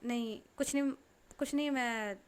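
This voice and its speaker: A woman's voice: on the high side, a little slow, clear, resonant tone, lightly acted. A woman voicing a young, playful and curious niece who pleads and hesitates. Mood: pleading.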